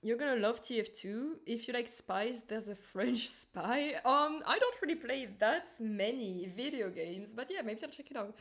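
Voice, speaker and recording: A woman's voice: a little high, expressive, moderate pace, hardly any pauses, a bit bright. A woman with a Turkish accent chatting informally to her viewers on a livestream as a streamer and animator. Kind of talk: casual livestream chat and explanation.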